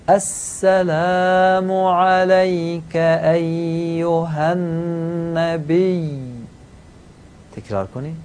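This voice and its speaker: A man teaching pronunciation, chanting each example slowly and giving short, quiet prompts to repeat. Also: on the low side, a little hiss or hum. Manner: slow drawn-out chanting of the examples. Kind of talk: pronunciation lesson.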